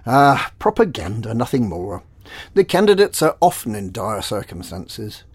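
A man's voice: on the low side, very animated, measured pace, breathy edge, dry recording, exaggerated voice. A man playing a smug Slavic-accented recruiter. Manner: clipped, exact syllables. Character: secretive smug male recruiter of child chefs. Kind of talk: audio drama acting.

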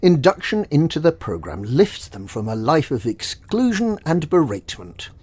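Man voicing a sly recruiter for a secret order, Slavic accent, clipped precise delivery, husky tone, lively pitch swings, dry close sound; audio drama. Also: normal speed, no echo. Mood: smug. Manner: clipped, exact syllables. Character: secretive smug male recruiter of child chefs.

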